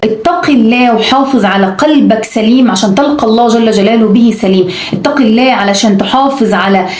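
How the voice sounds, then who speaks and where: Fast, emphatic Egyptian woman preaching. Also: fairly high pitch, a little mellow, reverberant. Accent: Egyptian Arabic. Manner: emphatic, repetitive urging. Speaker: religious speaker. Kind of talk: religious exhortation to camera.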